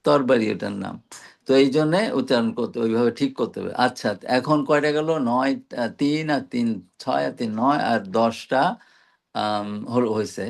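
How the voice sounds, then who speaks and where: A man teaching Quranic pronunciation one-on-one, patiently explaining and repeating letter sounds with frequent pauses. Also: medium pitch, gravelly. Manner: patient, explains slowly with many pauses and fillers. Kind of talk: one-on-one tajweed lesson.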